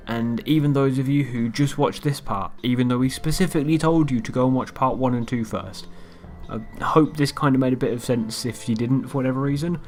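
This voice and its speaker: A man hosting his own video channel, walking through a game theory recap in an offhand, rambling way that trails off. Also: medium pitch. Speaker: YouTube channel host. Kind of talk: casual narrated video outro.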